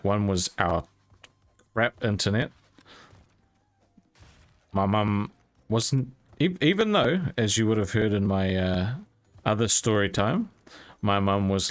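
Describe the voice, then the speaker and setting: On a dry recording, a young man with a fairly low voice rambles through a personal anecdote as he plays a game. He's a YouTuber, and his telling is casual, frank and sprinkled with offhand cursing.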